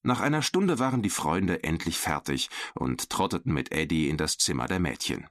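Male audiobook narrator, low voice, lively expressive read, dry studio mic. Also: normal speed, dry recording. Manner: expressive, voices every character. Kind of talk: scripted storybook narration.

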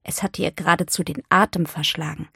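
Woman reading a kids' story, calm, gravelly and husky, dry close mic. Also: sits low, a little fast, dry recording. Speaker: audiobook narrator.

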